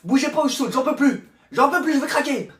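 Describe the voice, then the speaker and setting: A man voicing a frantic teenage boy threatening to jump, shouting in a roomy sketch recording. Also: extremely high pitch, fast, recorded from a distance. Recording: roomy echo.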